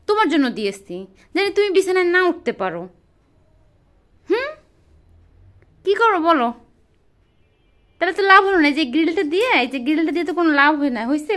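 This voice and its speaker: A woman with a very high voice chats to her rabbit in a bedroom at home, teasing and scolding it in baby talk. Her pitch leaps up and down as she coos and complains, which makes her sound animated. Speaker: vlogger talking to her pet rabbit. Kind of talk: casual pet vlog.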